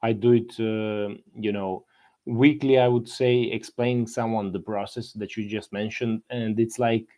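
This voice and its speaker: A man's voice: on the low side, fairly even intonation, a little slow, darkish tone. A man hosting a casual live audio chat, chatty and given to laughing between remarks. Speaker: host.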